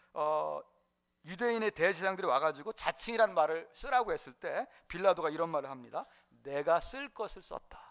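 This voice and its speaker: A man's voice: high-pitched, fairly bright tone. A man preaching a sermon in a church, telling the story with lots of "uh" fillers and small chuckles. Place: church sanctuary.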